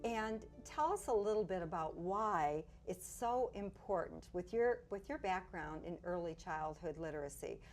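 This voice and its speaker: A woman's voice: fairly low pitch, lively intonation, moderate pace, few pauses, soft background music. A woman hosting an interview, putting prepared questions to a guest and introducing each part. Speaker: interview host. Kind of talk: scripted-sounding interview questioning.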